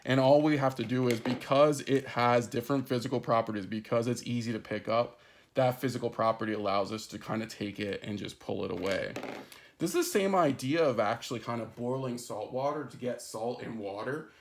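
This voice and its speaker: A man's voice: mid-range voice, a little fast, a little hiss or hum. A man recording an introductory chemistry lesson, explaining step by step and often checking in with "right?" and "okay?". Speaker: chemistry instructor. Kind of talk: recorded lecture.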